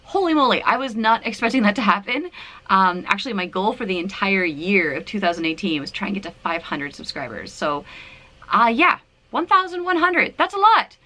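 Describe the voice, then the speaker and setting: This vlogger, a woman in her thirties from Canada, talks to the camera indoors at her apartment with a giggly, self-deprecating manner. She sounds very animated and brisk, with a medium pitch and a sharp tone.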